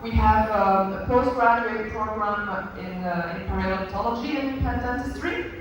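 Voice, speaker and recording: Belgian French man, high voice, halting conference lecture, distant mic in a noisy echoing hall. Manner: hesitant, many fillers and restarts. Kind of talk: conference talk. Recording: echoey hall from far off, noisy.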